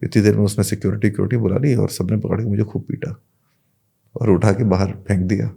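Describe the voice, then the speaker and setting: A man's voice: lowish voice, flat delivery, quick pace, gravelly, warm tone, breathy edge. A man, a podcast guest, casually telling a personal anecdote and acting out the back-and-forth of what people said. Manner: retells events with many quoted exchanges.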